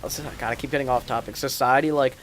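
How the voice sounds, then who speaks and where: A man's voice: medium pitch, fairly even intonation, fast, a bit bright. Young male podcast host, rambly and laugh-prone, faint hiss and clicks on the line. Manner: rambling, laughs often, drifts off topic. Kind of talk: casual chat.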